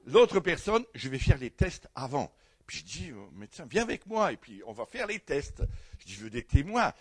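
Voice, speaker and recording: A man preaches to a congregation, telling a story from his own life with bursts of loud emphasis and quick asides. His voice is slightly husky and sits fairly high, with a very lively, swinging pitch. The sound is dry and close, with no room echo. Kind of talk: sermon with personal testimony.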